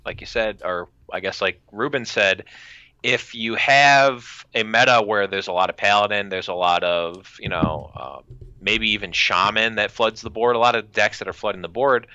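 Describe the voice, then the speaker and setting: A man's voice: lowish voice, moderate pace, pushed and bright, clean tone, no room sound. A man co-hosting a gaming podcast, rambling through points with giggly, joking asides. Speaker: podcast co-host. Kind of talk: casual gaming podcast chat. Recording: dull, lo-fi close mic.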